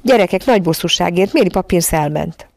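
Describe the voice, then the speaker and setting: A woman's voice: lowish voice, animated, creaky, darkish tone, no room sound. Woman voicing an indignant ranting mother. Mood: alarmed. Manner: exasperated, ranting. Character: indignant middle-aged mother, scolding.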